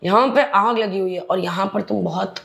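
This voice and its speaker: A woman's voice: mid-range voice, normal speed, gravelly, fairly bright tone. A woman speaking bluntly and animatedly as an interview guest, often slipping into English phrases. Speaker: interview guest, reality show contestant. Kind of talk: candid interview chat.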